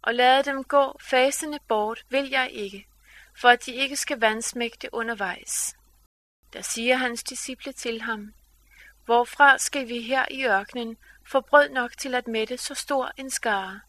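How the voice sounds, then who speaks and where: Bright-voiced woman reading scripture. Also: a little high, fairly even intonation, no echo. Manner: measured, solemn read-aloud delivery.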